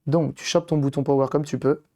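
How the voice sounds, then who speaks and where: A hoarse man on a live stream, chatting casually with viewers and thinking aloud as he tinkers with electronics. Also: medium pitch, steady tone, fairly quick, mellow. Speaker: streamer doing electronics modding. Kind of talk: casual live-stream chat while working.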